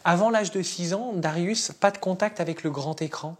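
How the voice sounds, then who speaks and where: A man hosting an interview, asking questions in a measured, polished way. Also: high voice. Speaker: interviewer, host. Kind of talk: scripted narration and interview questions.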